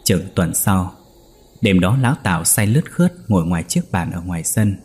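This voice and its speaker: A man narrating a ghost story in a slow, measured way. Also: deep voice, expressive, a little mellow, breathy edge.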